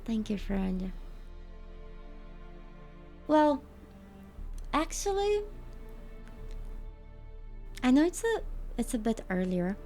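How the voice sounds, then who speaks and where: Slow-talking woman livestreamer chatting. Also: fairly high pitch, sing-song, a little mellow, faint music behind. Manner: chatty, talks to chat and thanks viewers. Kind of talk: casual chat with viewers while gaming.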